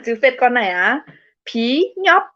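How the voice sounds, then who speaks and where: A woman's voice: moderate pace, sharp tone, no echo, highs cut off. A young woman hosting a casual live stream, reading out viewer comments in a playful, giggly way. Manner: giggly and playful, laughs often between remarks.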